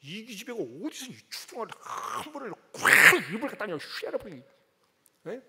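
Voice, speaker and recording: A male pastor preaching a sermon in a church, animated and acting out scenes as he talks. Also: high-pitched, normal speed. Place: church sanctuary. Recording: church hall reverb.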